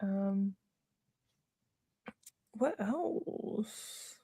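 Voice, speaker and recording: A woman's voice: medium pitch, animated, extremely slow, dark tone, husky, no echo, clean studio sound. A woman co-hosting a book club chat, laughing often and reading from her notes. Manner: giggly, reads from her notes. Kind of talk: casual chat.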